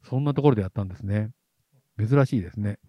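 A man hosting a podcast about theatre, leading the casual chat in a brisk, chatty way. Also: lowish voice, warm tone, no room sound. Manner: brisk, chatty, leads the talk. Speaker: podcast host.

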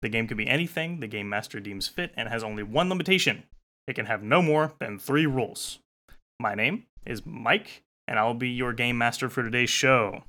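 Brief: young male host, bright forward tone, rambling rule explainer. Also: medium pitch, normal speed. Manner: explains rules with loose fillers. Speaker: game master and host. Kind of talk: casual game show hosting.

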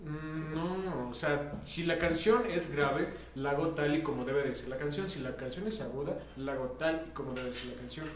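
A young Mexican man talking loosely among friends, his voice sitting a bit high. He jokes, swears and stumbles over fillers. The room rings with a noticeable echo. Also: moderate pace, hardly any pauses, a little hiss or hum. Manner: joking, swearing, frequent fillers. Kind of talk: casual chat among friends. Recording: roomy echo.

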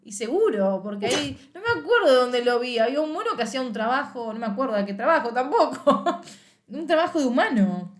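A young woman with a Rioplatense accent, co-hosting a casual chat in a playful, whiny, soft-hearted way. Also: high-pitched, animated, a little fast. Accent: Rioplatense Spanish. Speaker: podcast co-host.

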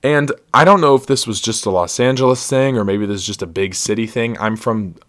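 A young man from Ohio telling a funny story on his podcast, casual and lively, laughing often and saying "like" a lot. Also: fairly low pitch, a little fast. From Ohio, USA. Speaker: podcast host.

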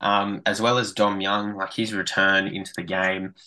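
Casting: Australian man, sports podcast stats guy, blokey and casual, crisp bright edge, slightly deep. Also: flat delivery, moderate pace. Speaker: sports podcast co-host reading match statistics. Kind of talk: casual rugby league stats rundown.

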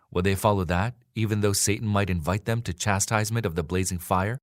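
Low-voiced man in a solemn reading. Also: dry recording, clean studio sound. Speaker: scripture reader. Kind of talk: scripted reading of a translation.

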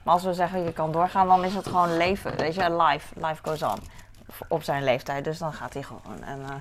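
A brisk, low-voiced woman in her thirties, a mother and vlogger, chats casually while doing household chores. She rambles on and becomes animated when telling stories.

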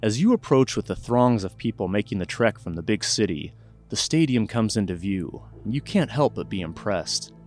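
A man narrating a scripted documentary story in a measured true crime narrator manner, speaking straight to the listener. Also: on the low side, expressive, a little mellow. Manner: measured, addresses listener directly in present tense. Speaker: podcast narrator.

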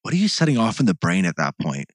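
A young man co-hosting a podcast, telling a rambling, animated story full of restarts and "like". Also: sits low, quick pace, dry recording. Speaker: podcast co-host. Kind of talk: casual chat, storytelling.

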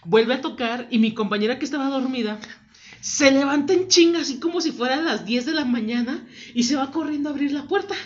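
A woman's voice: fast, hardly any pauses. A young woman with a Mexican accent telling a scary anecdote in casual chat, acting out the voices in her story. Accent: Mexican Spanish. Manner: animated storyteller, acts out quotes with big pitch jumps. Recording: dull lo-fi audio.

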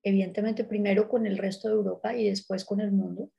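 A middle-aged woman from Colombia with a mellow, warm voice, reminiscing in a documentary interview. She speaks thoughtfully, pausing, hesitating and restarting her sentences as she gathers her thoughts. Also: medium pitch, steady tone, creaky, muffled recording. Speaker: art world interviewee.

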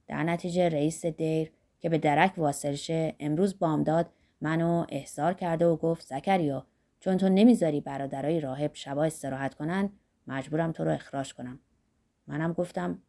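A woman's voice: low-pitched, vocal fry, warm tone, voice pushed down. A woman voicing a wild-eyed, half-mad male monk who rants and pleads fervently, in an audiobook.

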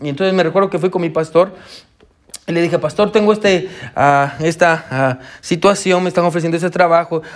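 A young man preaching a sermon to his congregation, halting with fillers and repeated words and often saying amen. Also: a little high. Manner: addresses the congregation as brother and sisters.

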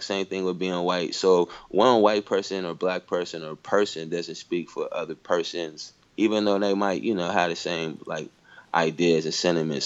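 In dull audio, a low-voiced man from Michigan, USA, talks casually. He thinks aloud reflectively, leaning heavily on fillers like "you know" and "like."

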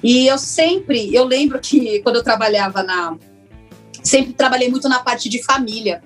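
A woman, a former lawyer now working as a therapist, telling her personal story in an interview in a reflective, earnest way with many pauses. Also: on the high side, faint music behind. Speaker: interview guest, former lawyer turned systemic constellation therapist.

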